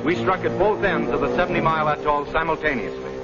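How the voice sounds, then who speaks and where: A man with an American accent narrates a scripted 1940s wartime newsreel, his slightly high voice moving fast in a dramatic, declarative style. The recording has the dull sound of a 1940s newsreel, with loud music playing behind him.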